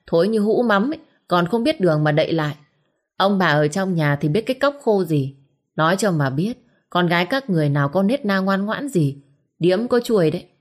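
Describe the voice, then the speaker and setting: A woman voicing a sharp-tongued young village wife who scolds with a stream of insults. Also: on the low side.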